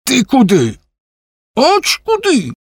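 A man voicing an excitable gold-rush prospector who shouts in agitation. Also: on the high side, normal speed, vocal fry, husky, no room sound, clean studio sound, pitched above the performer's own voice, heavily acted. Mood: frantic. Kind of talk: audiobook character voice.

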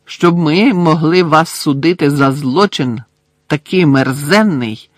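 A man voicing a stern older male judge who speaks loudly and formally. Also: fairly high pitch, a little slow, dry recording. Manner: loud, shouting, clipped formal speech.

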